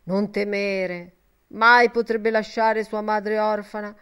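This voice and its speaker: A woman's voice: medium pitch, little pitch movement, takes it slowly, a bit bright, smooth. A woman reading the part of a jovial male gambler in an audiobook, hearty and exclamatory.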